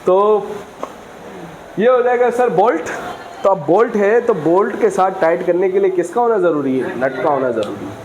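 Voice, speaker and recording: A man teaching a physics class, reading English lines slowly and explaining with frequent questions to students. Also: high-pitched, a little mellow, highs cut off, a little hiss or hum. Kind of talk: classroom lecture.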